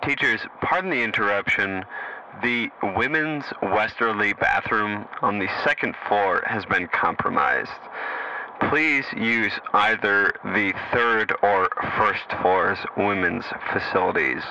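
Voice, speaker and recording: An actor playing a school staff member reading a formal announcement over the school intercom. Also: male voice, fairly low pitch, lo-fi sound, a little hiss or hum, exaggerated voice. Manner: formal, stiff official announcement. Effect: school intercom loudspeaker.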